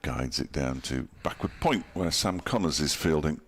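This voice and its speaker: A man calls cricket ball by ball with a dry, joking edge. His voice sits extremely low and rumbling, and his delivery stays relaxed and chatty. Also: moderate pace, slightly rough. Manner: dry, wry and chatty, chuckles at his own jokes. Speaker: cricket commentator. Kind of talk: ball-by-ball radio-style commentary.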